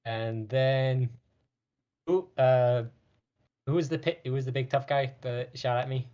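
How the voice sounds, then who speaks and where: A man's voice: mid-range voice, measured pace, mellow, dull audio. A man playing a tabletop role-playing game, talking casually through his moves. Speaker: player in a tabletop RPG.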